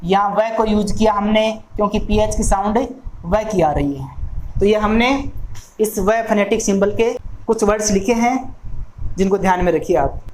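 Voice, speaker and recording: A man teaching an exam-prep lesson who speaks slowly and deliberately, spelling out words sound by sound and repeating them for drill. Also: sits high, a little mellow, slight background noise, low-quality recording. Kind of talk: recorded classroom lesson.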